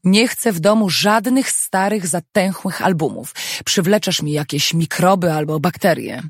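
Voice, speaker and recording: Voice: medium pitch, animated, normal speed, breathy edge, no room sound, studio quality. An audiobook reader voicing a suspicious, anxious mother who questions her sons sharply. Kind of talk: audiobook dialogue.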